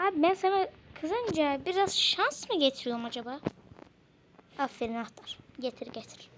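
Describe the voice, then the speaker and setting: Young woman, very high voice, excitable, repeats words, casual game-play chat, faint background noise. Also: moderate pace, poor audio. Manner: excitable, repeats words in bursts, yelps when startled. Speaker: gamer playing with a friend.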